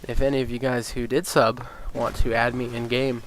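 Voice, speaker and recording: The recording is rough, with a little hiss or hum, as a gaming YouTuber with a stuffy, sniffly nose talks over gameplay. He speaks at a moderate pace in a mid-range voice. Casual and rambling, he piles on ums and uhs, swears freely, and grows excited and incredulous about game balance.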